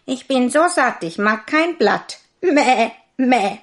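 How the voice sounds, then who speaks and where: Lady doing a nasty little storybook goat, squeaky high, bleats and taunts. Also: lively intonation, slow pace. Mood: smug. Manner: bleating, mocking sing-song rhymes. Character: spiteful lying nanny goat, fairy-tale animal.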